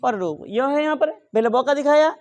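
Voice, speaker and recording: A middle-aged man teaching Sanskrit grammar, asking questions and answering them himself, reciting the rules slowly. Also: very high voice, lively intonation, dull audio. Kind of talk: explaining grammar rules in a lesson.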